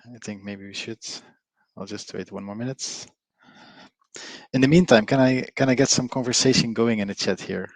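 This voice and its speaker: Presenting a live webinar, this middle-aged Belgian co-founder speaks with a Flemish accent in a chatty, filler-heavy way, regularly engaging his listeners. His mid-range voice moves at normal speed, and the audio is poor but has no echo.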